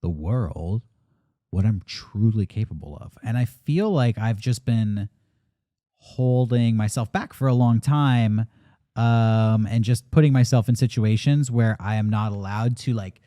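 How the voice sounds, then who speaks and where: A man's voice: fairly low pitch, measured pace, warm tone, no echo, clean studio sound. Reflective man in his late thirties. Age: 30s. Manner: candid, reflective, swears casually. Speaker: podcast co-host. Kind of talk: casual podcast chat.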